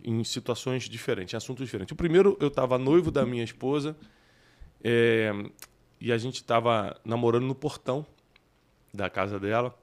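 A man's voice: mid-range voice, moderate pace. A man, a podcast host candidly telling personal stories in casual conversation and laughing at himself.

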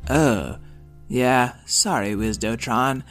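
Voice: mid-range voice, slow pace, fairly bright tone. Storybook part: awkward, laid-back young robot guy voiced by a storyteller, mumbly slacker phrasing with music behind. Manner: slacker drawl full of hesitant likes and ums.

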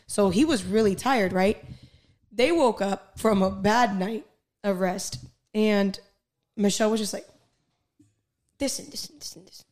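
A woman's voice: medium pitch, unhurried, a little mellow. Lady podcaster chatting casually, swears a lot, hops between english and mid sentence. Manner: switches between Spanish and English midsentence; swears freely. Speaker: podcast co-host. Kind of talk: casual chat, storytelling.

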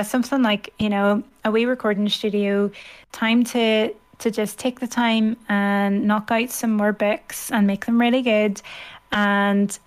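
An author and podcaster in her thirties chats casually as an interview guest, her Northern Irish accent paired with a youthful, girlish voice. She comes across hesitant and self-deprecating, in a clean, mid-range tone.

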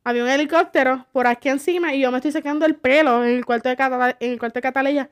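A young woman, telling family stories in a lively way and acting out what others said. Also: high-pitched, racing. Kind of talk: casual family chat.

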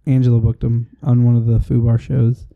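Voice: medium pitch, monotone, a little fast, creaky, narrow, tinny audio. A podcast co-host chatting casually and telling a rambling story full of fillers.

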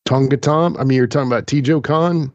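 A man's voice: medium pitch, fairly quick, darkish tone, dry recording. A man hosting a casual film watch-along, chatting and commenting in a jokey, rambling way. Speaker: watch-along podcast host. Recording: dry, dull lo-fi mic.

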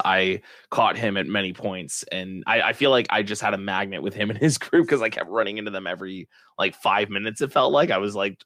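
A man hosting a racing podcast, chatting casually and excitedly with lots of fillers and restarts. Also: lowish voice, dry recording, clean studio sound. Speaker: podcast host. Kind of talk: casual chat.

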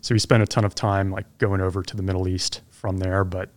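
Low-voiced man telling his life story. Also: level tone, brisk. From grew up abroad (Belgium, Zimbabwe, Pakistan), then Florida. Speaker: podcast guest, former Army helicopter pilot. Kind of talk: casual interview storytelling.

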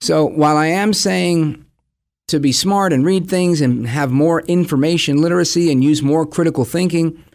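A man's voice: on the high side, darkish tone. A man gives opinionated, conversational commentary as a program host, acting out imagined dialogue and posing rhetorical questions. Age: 40s.

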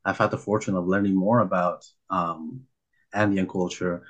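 This deep-voiced young man from Peru speaks at a normal pace with fairly even intonation. He's a nonprofit founder appearing as a guest in a relaxed video-call interview, and his talk is loose, somewhat rambling, and full of fillers.

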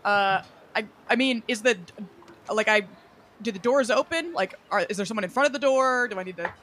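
A woman's voice: fairly high pitch, brisk, a bit bright, slight background noise. A woman chatting in character as a tabletop game player, hesitant and dryly argumentative. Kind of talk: casual in-character game chat.

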